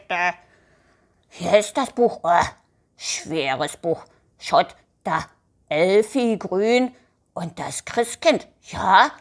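A woman's voice: mid-range voice, a bit bright, pitched above the performer's own voice. A woman voicing Paule, a chirpy little puppet helper who talks about himself in the third person.

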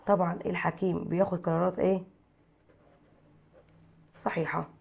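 Brief: Egyptian woman teacher, dark gravelly voice, reads English exercises aloud and quizzes the class in Arabic. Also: on the low side, flat delivery, moderate pace. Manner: reads English then translates, quizzing pupils. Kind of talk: textbook exercise lesson.

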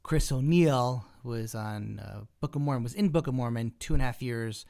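A man in his thirties co-hosting a comedy podcast, agreeable and quick to laugh, often stammering as he restarts his sentences. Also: mid-range voice, gravelly, dark tone. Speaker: podcast co-host. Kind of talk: casual chat.

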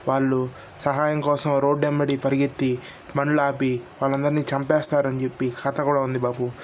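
A man voicing a calm male doctor who gravely explains an old ghost story, addressing the listener fondly. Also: medium pitch, fairly quick, a little hiss or hum, lightly acted.

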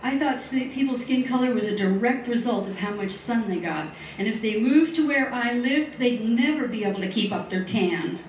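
Middle-aged female comic, higher-pitched, dry self-deprecating delivery; live room echo, faint hiss. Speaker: stand-up comedian. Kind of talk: stand-up comedy set. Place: small studio at a comedy night. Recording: roomy, distant live recording with faint noise.

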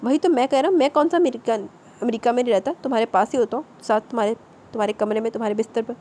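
Woman reader doing a possessive, hot-tempered landlord husband, stern scolding in a dark mellow tone. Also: medium pitch, slight background noise, natural voice. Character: angry young feudal husband, stern and possessive.

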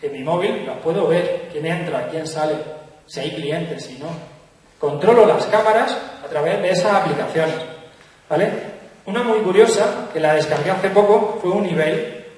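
A man's voice: sits high, moderate pace, a little mellow. A young man giving a chatty, joking conference talk into a handheld mic on a lecture hall stage. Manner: chatty, jokey, asks "¿vale?" often. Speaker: guest speaker. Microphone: handheld mic, recorded from far camera. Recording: echoey hall, voice from far off.

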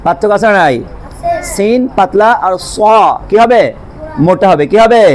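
A woman's voice: mid-range voice, moderate pace, darkish tone, slight background noise. A woman teaching Quran pronunciation, patiently repeating each letter sound and quizzing her students with questions.

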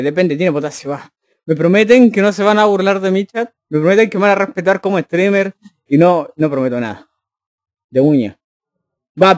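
A man's voice: high-pitched, darkish tone, no room sound, studio quality. A man, a streamer joking and chatting casually with his live chat. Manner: joking, teasing, addressing chat directly.

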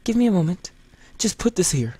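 A man voicing a gentle, loving father in a video game, reading his dialogue softly and kindly. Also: high voice, big pitch swings, brisk, breathy edge, no echo, voice pushed up, heavily acted. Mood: tender.

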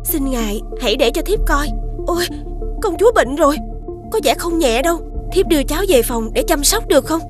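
A woman's voice: high-pitched, expressive, brisk, music in the background. A woman voicing a scheming female witch who poses as the queen's sister in a cartoon, sly and commanding. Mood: sweetly false. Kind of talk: cartoon dubbing.

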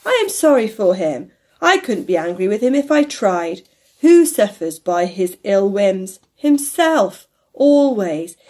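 A woman doing a jovial laughing young gentleman. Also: very animated, slow pace. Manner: hearty, booming laughter and merry emphasis.

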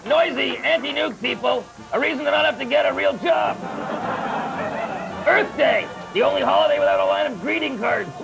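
A man voicing a cynical, crude sock puppet sidekick who heckles sarcastically in a gravelly voice on a talk show. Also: very high-pitched, normal speed, full character voice, low-quality recording. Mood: mock-earnest sarcasm. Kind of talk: comic talk show banter. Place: TV studio. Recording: nineties VHS TV rip with music.

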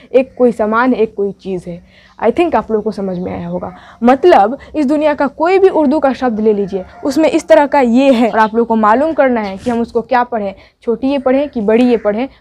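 A woman's voice: sits high, dark tone. A young woman, teaching an online language lesson, patiently repeating each step and asking rhetorical questions. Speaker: Urdu teacher.

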